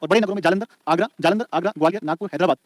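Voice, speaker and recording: A man gives an exam-prep lecture in a colloquial style, calling students beta and bhai and repeating every point over and over so they can write it down. His voice is high-pitched and rapid-fire, with no echo.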